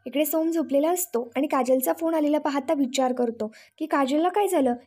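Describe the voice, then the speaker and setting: A woman with a high voice tells the events of a serial episode as a recap. She keeps a steady storytelling flow. Her narration moves scene by scene. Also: a little fast.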